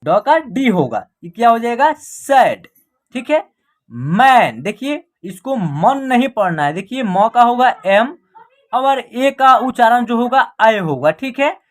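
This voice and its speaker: A woman teaches an online English reading class at a steady classroom pace. She spells words out letter by letter, poses short rhetorical questions and answers them herself. She checks in with the class over and over, keeping the tone patient and instructive. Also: on the high side, measured pace. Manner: repeats "ठीक है" as a check-in.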